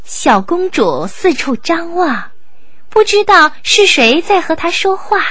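A woman's voice: very high voice, big pitch swings, slow, sharp tone, no echo. A woman narrating a scripted fairy tale for children as a storyteller.

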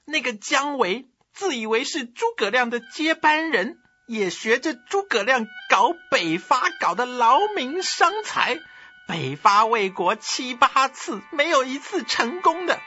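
A man voicing a whiny, scheming male court eunuch who wails and pleads in a shrill, high voice. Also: sing-song, a little slow, sharp tone, highs cut off, faint music behind, exaggerated voice.

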